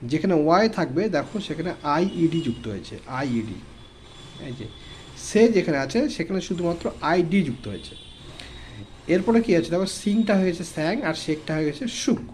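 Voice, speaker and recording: A man's voice: a little high, lively intonation, moderate pace, darkish tone, slight background noise. A man with a Bengali accent teaching an online English lesson for children, saying each word, repeating it and translating it.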